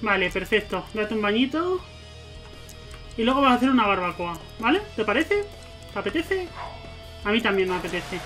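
A man's voice: high voice, expressive, fairly quick, sharp tone, soft background music. A man giving casual gameplay commentary, chatting to his game characters. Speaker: let's play gamer.

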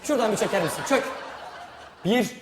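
Man, high voice, pompous mock-formal director, bossy, roomy hall with loud noise. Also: lively intonation, a little fast, a crowd in the background. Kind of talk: comic improvised sketch.

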